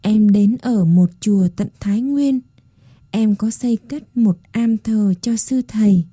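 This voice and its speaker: A woman reading a story aloud and voicing a gentle, devoted Buddhist nun in a soft, pleading tone. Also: medium pitch, a little slow, husky, dry recording, clean studio sound. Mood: tender, pleading.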